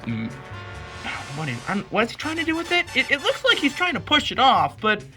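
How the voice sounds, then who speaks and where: A man giving rambling, self-mocking commentary as he reads the comics he made as a kid, with excited outbursts and asides. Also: very high voice, normal speed, faint music behind. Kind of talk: comedic commentary reading his old comics.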